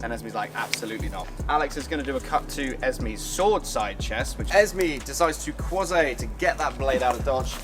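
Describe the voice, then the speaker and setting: A British man, a fight choreographer, walks performers through a sword fight in casual, energetic instruction with playful sound effects. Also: mid-range voice, moderate pace, hardly any pauses. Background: background music.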